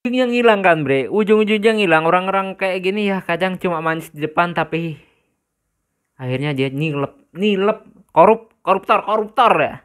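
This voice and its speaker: A man's voice: high voice, fairly bright tone. A young man, hosting a casual reaction commentary. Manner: casual, slangy, quick laughs. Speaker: reaction video host.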